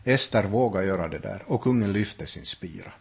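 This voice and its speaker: A man's voice: fairly low pitch, vocal fry, darkish tone, breathy edge. A man teaching a Bible study, thinking aloud with frequent restarts and hesitations. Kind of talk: unscripted Bible study talk.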